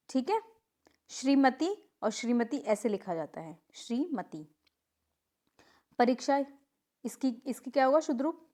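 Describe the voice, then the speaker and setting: A young woman teaching an exam-prep grammar class, her voice sitting a little high. She drills word after word, asks a question and answers it herself, and often checks in with "theek hai". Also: darkish tone.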